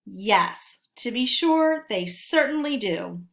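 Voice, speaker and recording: A woman reads a lesson aloud to children in a deliberate, instructional manner, asking questions and answering them. Pitched on the high side, her voice is gravelly with lively intonation.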